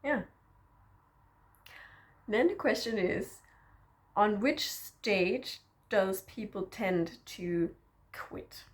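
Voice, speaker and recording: A Danish-speaking woman delivers a personal self-development lesson to camera, talking slowly in a mid-range voice. She's reflective, encouraging, and animated, pausing now and then to check in with a gentle questioning tag.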